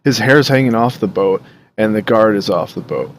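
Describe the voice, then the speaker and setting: A man's voice: fairly low pitch, expressive, moderate pace, slight background noise. A man narrating a tabletop game as dungeon master in a casual, laughing way.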